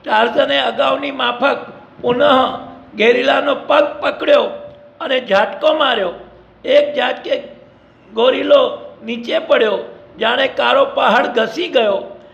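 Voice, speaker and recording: Male narrator, dramatic storybook reading, very high voice, echoey room, muffled sound. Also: a little slow, vocal fry, a bit bright. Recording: echoey, dull lo-fi recording.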